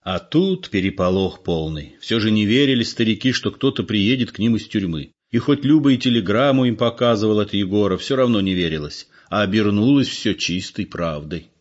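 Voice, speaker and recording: Expressive low male audiobook narrator. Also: brisk, hardly any pauses. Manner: expressive, storytelling. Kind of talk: literary audiobook reading. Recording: dull lo-fi recording.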